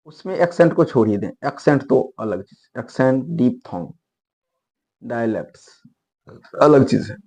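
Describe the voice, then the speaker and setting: A man's voice: mid-range voice, lively intonation, normal speed, a little mellow. A man teaching spoken English in a casual, rambling lecture, explaining with frequent restarts and asides. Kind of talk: spoken English lesson in Hindi.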